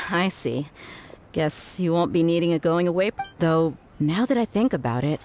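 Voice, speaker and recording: Woman as an easygoing, lowish-voiced female mercenary. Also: moderate pace, a little mellow, a little hiss or hum, natural voice. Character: easygoing, confident adult female desert mercenary. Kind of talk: video game dialogue.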